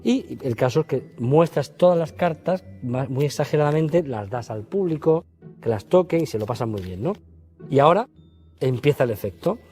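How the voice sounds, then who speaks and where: A man from explaining a card routine in a casual, lively way, acting out his stage patter as he goes. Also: moderate pace, faint music behind. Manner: lively, acts out his patter in higher voices. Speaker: magician teaching a card routine. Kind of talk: casual spoken magic lesson.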